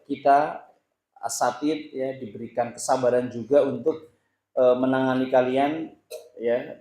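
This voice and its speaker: A man's voice: mid-range voice, mellow. A man in his thirties, an Islamic boarding school teacher giving informal advice to students, teasing them with questions and tagging his sentences with "ya". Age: 30s. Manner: playful, teasing the audience with questions; frequent "ya" tags and hesitations. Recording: roomy echo.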